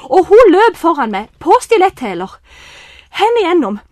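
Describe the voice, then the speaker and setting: A woman telling a lively personal story, excited bursts mixed with quieter asides. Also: extremely high pitch, no room sound, clean studio sound. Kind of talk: animated personal anecdote.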